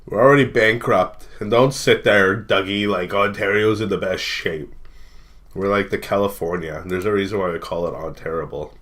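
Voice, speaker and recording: A man's voice: low voice, moderate pace, fairly bright tone. A Canadian man ranting and reacting to clips, profane and mocking, often breaking into laughter. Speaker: streamer. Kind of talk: casual reaction rant.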